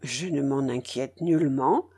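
A woman doing a quiet, reserved young gentleman. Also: a bass voice, measured pace, breathy edge, pitched below the performer's own voice, full character voice. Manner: quiet, restrained, sighing.

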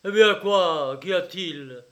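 A man voicing a frightened, angry middle-aged land dealer who shouts loud and indignant at his son. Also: high-pitched, animated, extremely slow, voice pushed up, heavily acted. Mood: blustering anger.

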